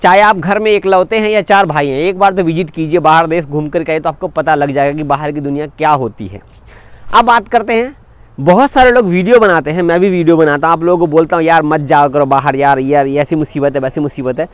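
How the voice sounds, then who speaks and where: Young man from India, vlogger, earnest and repetitive, fairly high voice, smooth and dry. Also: fast, no room sound. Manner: earnest, repetitive advice to viewers. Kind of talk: direct-to-camera vlog talk.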